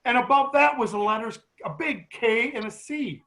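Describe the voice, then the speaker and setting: A middle-aged man speaking as a guest at a grief support meeting, telling a story to the group in a casual, animated way with many restarts. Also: very high voice, moderate pace, rough recording.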